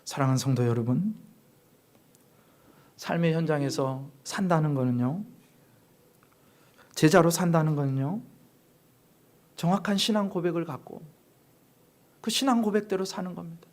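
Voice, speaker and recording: A man preaching a sermon as pastor, telling a story with acted quotes and swinging between loud urging and hushed, whispered lines. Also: a little high, normal speed, pauses often.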